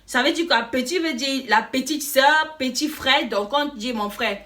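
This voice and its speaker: Bright, lively Cameroonian woman. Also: measured pace. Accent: Cameroonian French. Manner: animated, playful, drops into low slangy voice for example phrases. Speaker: vlogger. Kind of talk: casual explainer vlog.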